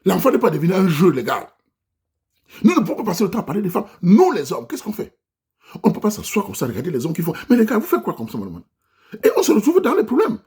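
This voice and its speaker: A man with a Cameroonian French accent delivers a heated vlog rant, urging his listeners directly. His voice is rough and husky, sitting a little high, and his pitch swings widely as he lectures. He talks fast and preaches without letting up. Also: huge pitch swings, a little mellow. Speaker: vlogger addressing his diaspora audience. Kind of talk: impassioned monologue rant.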